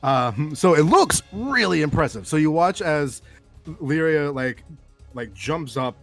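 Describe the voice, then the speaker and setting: A man acting as game master, narrating scenes in a loose, rambling way and laughing often, with soft music in the background. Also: on the high side, lively intonation, measured pace. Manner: giggly, loose, rambling descriptions.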